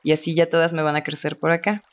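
A woman's voice: low-pitched, completely flat delivery, fast talker. A woman chatting casually as she plays a video game, thinking aloud and laughing often. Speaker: gamer. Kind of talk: casual gameplay commentary. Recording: dull lo-fi home recording.

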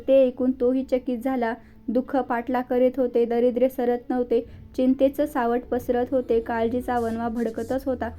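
A woman narrating a devotional story in a steady, measured reading. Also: fairly high pitch. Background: faint music.

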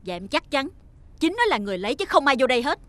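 A woman's voice: very animated, quick pace, fairly bright tone, no echo. An actress with a Southern Vietnamese accent playing a wealthy mother who dotes on her son but scolds his friend sharply. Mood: accusing. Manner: shrill and scolding. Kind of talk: TV drama acting.

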